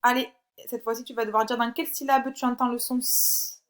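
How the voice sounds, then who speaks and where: A woman teaching a recorded phonics lesson to young children, reading words slowly and clearly and encouraging the child directly. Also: fairly high pitch, flat delivery, slight background noise. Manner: slow, clear, drawn-out word by word reading. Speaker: primary school teacher.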